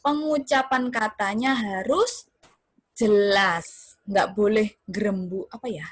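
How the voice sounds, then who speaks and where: A woman's voice: mid-range voice, takes it slowly, dry recording. A woman teaching young children in an online class, patient and coaxing, often checking that they can see her screen, on a computer mic. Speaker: homeschool teacher. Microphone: computer mic on video call.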